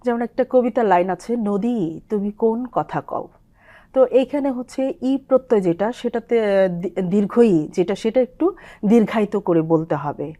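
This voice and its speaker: A woman, speaking as a guest expert on pronunciation. She keeps a steady, mid-pitched voice. She draws out word examples slowly and slips into recited verse lines. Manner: explains with spoken word examples, drawn-out sounds and recited verse. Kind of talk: explaining Bengali pronunciation on a TV program.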